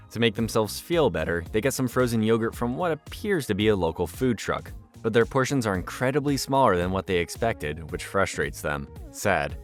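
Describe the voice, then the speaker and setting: A man delivering scripted narration as a recap storyteller, with the occasional wry aside. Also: fairly low pitch. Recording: music bed behind voice.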